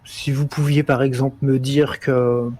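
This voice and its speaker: A man playing a tabletop game, speaking in character in a measured, explanatory way. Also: mid-range voice, level tone, darkish tone, slight background noise. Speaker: player. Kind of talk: in-character tabletop role-play.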